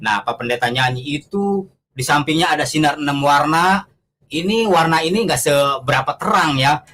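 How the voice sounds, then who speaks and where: A man's voice: fairly high pitch, lively intonation, normal speed, pushed and bright, slight background noise. Earnest man telling a personal testimony. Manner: earnest storytelling, acts out quoted voices, frequent fillers. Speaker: guest giving a testimony. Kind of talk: conversational testimony.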